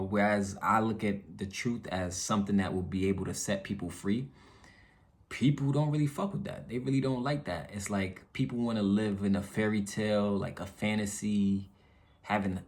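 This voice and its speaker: Man, lowish pitch, casual vlog monologue, earnest, candid, slangy, repetitive for emphasis. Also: normal speed, darkish tone. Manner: earnest, repeats phrases for emphasis; candid, slangy, frequent check-in tags. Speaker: YouTube vlogger. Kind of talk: casual venting monologue to viewers.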